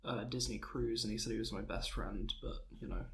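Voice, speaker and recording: A young man co-hosting a podcast, joking deadpan in a rambling, casual way with plenty of filler words. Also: on the low side, brisk, gravelly. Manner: rambling, deadpan jokes, frequent "um" and laughter. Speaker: podcast co-host. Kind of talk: casual comedic chat.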